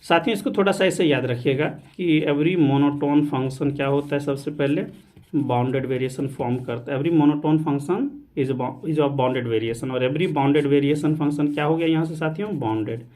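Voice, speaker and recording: Male math teacher lecturing online, keeps asking the class questions then answering, mellow tone. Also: on the high side, measured pace. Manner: repeatedly addresses students as "saathiyon", mixing English math terms; asks rhetorical questions then answers them. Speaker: maths teacher. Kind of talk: online exam-prep lecture.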